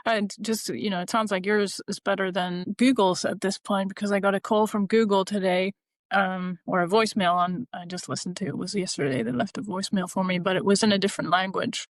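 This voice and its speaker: Woman, podcast host, chatty, laughs easily, medium pitch, dry sound. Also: steady tone, a little fast, no echo. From San Francisco area. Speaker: podcast host, advertising teacher. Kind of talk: casual interview talk.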